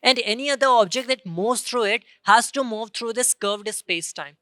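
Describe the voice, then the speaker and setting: Woman, stage science talk, bright crisp voice, dry close sound, earnest, self-correcting. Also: a little high, normal speed, dry recording. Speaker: student presenter. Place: convention centre stage.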